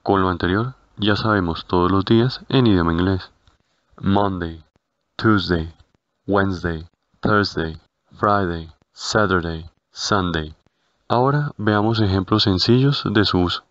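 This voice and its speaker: A man narrating a scripted language lesson, speaking slowly and carefully and repeating each word. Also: low voice, fairly bright tone, no room sound. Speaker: language teacher. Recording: dull, lo-fi.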